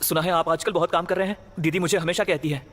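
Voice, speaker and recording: A man's voice: on the high side, steady tone, quick pace, fairly bright tone. A dub actor voicing a teenage schoolboy who pleads earnestly with his father. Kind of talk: Hindi film dub. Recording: film soundtrack with street noise.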